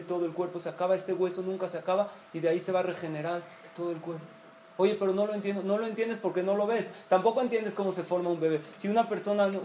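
Male preacher, high voice, echoey room with faint room noise. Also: darkish tone. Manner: storytelling, asks and answers questions. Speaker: rabbi giving a talk. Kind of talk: sermon.

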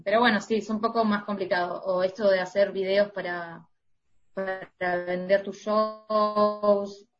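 A woman singer with an Argentine Spanish accent talks easily as a podcast guest, laughing often and leaning on fillers. Her voice sits at a middling pitch. The audio sounds a little muffled. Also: level tone, measured pace, faint music behind. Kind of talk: casual interview chat.

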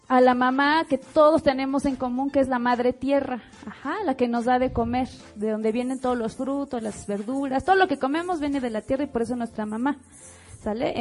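A woman guest musician on a live radio show, gently teaching children a traditional song by call and response, with a Mexican accent. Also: high-pitched. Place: auditorium with children.

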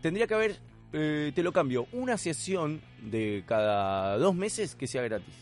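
A man's voice: a little high, lively intonation, a little slow, faint music behind. A man with a Rioplatense Spanish accent, hosting a casual comedic chat as a playful, rambling storyteller. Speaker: podcast host.

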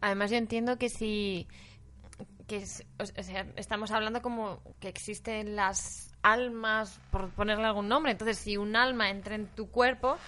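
A woman's voice: medium pitch, steady tone, normal speed, bright, forceful tone. A woman host in a casual interview, reflecting aloud as she asks her guest a question.

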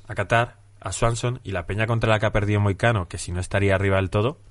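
A man who hosts a podcast, with a low voice and a rapid delivery. He breaks fights down in casual, animated chat. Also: no echo. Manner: animated, retells fights with acted-out quotes. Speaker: podcast host. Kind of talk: casual MMA fight analysis.

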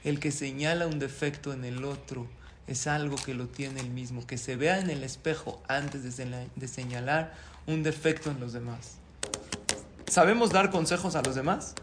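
A man's voice: mid-range voice, normal speed, background noise. A man teaching a religious class at home, telling a story and acting out its characters. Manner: animated storyteller, acts out voices. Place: at home with family.

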